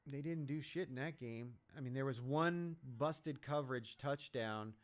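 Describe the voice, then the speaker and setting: A man's voice: mid-range voice, a little slow. A man hosting a live sports betting stream, giving blunt, profane, rambling reactions to the game as it plays. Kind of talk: casual live game commentary.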